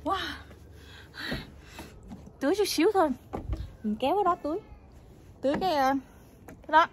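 Woman, halting and repetitive home-vlog chat, noisy outdoor phone audio. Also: very high voice. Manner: hesitant, repeats words while searching for them. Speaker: family vlogger. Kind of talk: casual vlog narration to viewers. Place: home garden outdoors, then kitchen.

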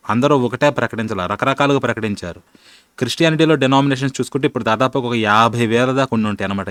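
A man's voice: mid-range voice, a bit bright, dry recording. Argumentative male commentator, dry close sound. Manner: argumentative, asks rhetorical questions, colloquial. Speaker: channel host. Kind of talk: critical commentary on religion.

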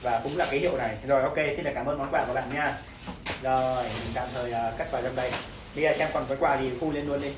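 A man's voice: mid-range voice, fairly even intonation, fast talker. A young adult man hosting a casual unboxing, chatting and reading cards aloud. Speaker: vlog host. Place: small decorated indoor room. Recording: roomy echo, distant mic, clear background noise.

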